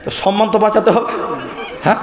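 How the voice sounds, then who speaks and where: A man from Assam preaching a sermon at a large religious gathering and telling a comic story in a lively way, acting out the dialogue and adding chuckling asides. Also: high voice, fast, some chatter behind. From Assam, India. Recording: echoey dull PA sound.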